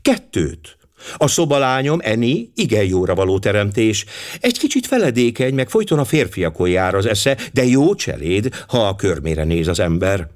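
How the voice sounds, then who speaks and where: A man voicing a fussy, talkative middle-aged housewife in an audiobook, raising his voice high for her. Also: sing-song. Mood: indignant chatter. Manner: indignant, talkative.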